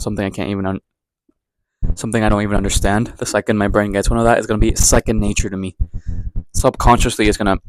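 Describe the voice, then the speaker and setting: A young Ecuadorian vlogger with a somewhat low voice talks straight into his camera mic for a casual daily vlog. He rambles, circles back and makes fun of himself, candid and unpolished, over a rough recording with a little hiss or hum.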